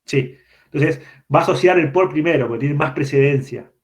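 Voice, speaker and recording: A man's voice: on the high side, fairly quick. A man giving an online university programming lecture, explaining step by step and often checking that students follow. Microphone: computer mic on a video call. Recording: dull lo-fi video-call audio.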